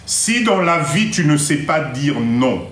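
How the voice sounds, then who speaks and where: A man with a fairly high voice hosts a motivational live stream. He talks in an animated way, drops into Lingala, and mimics other people. The sound is roomy and echoey. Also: slow pace. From Congo-Kinshasa. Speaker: live stream host giving motivational advice.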